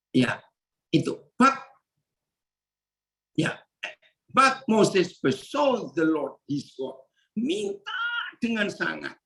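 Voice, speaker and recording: A male pastor preaching to a prayer group, reading verses aloud, directing helpers to the slides, and jumping up in pitch for emphasis. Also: creaky, fairly bright tone, rough recording. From Indonesia. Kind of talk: sermon.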